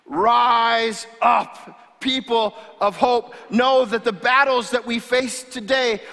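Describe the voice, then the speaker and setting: Man, pastor, fiery rallying sermon, slow emphatic delivery, forceful bright voice, repeated phrases. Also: very high voice, fairly even intonation, gravelly. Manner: fervent, fiery rallying oratory with emphatic repetition. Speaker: pastor preaching an Easter sermon. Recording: reverberant hall.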